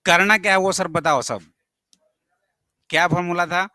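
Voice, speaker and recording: Bright-voiced male math teacher. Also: sits high, steady tone, no room sound. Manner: questioning students, brisk and scolding. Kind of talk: classroom lecture. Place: classroom.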